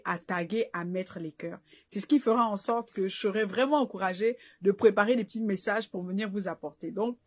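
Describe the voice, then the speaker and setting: A woman giving a slow, deliberate sermon-style talk to a live online audience, stressing her points with rhetorical questions. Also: mid-range voice, slightly rough.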